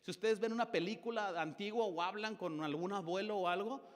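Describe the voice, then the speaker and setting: Pastor, male, middle-aged, Mexican Spanish accent, high voice, sermon that acts out dialogues, long church-hall reverb. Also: fairly quick. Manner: dramatic shifts of tone, acting out dialogues.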